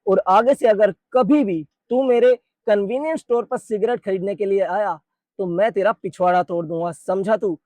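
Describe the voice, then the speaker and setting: A man voicing a calm, threatening young man who works at a convenience store. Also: sits high, no room sound, close to an everyday voice. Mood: menacing. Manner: cool, threatening, unhurried.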